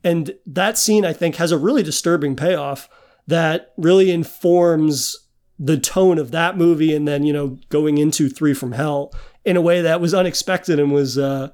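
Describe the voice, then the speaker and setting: Higher-voiced young man musing on films. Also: normal speed, darkish tone. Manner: thoughtful, long winding sentences with many fillers. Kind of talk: casual film discussion.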